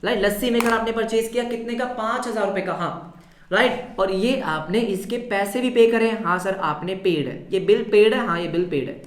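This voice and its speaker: Lively male accounting teacher, roomy sound. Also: sits high, moderate pace. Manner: lively, quizzes students and answers in their voice; mixes English terms into Hindi. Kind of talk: live online class lecture. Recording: roomy echo.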